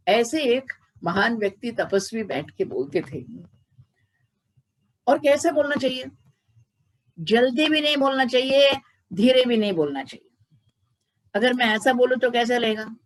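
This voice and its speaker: A woman's voice: on the high side, low-quality recording. A woman spiritual teacher giving a devotional discourse, chanting verses and leading call-and-response chants. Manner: demonstrative, chants Sanskrit verses.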